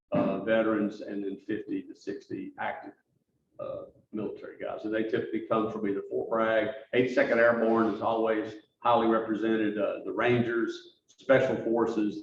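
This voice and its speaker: A man giving a halting presentation at a club meeting, telling stories as he goes through slides. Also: lowish voice, gravelly, a little hiss or hum. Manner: halting, restarts often, storytelling. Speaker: guest speaker for a charity. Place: meeting room. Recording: roomy, distant, dull mic.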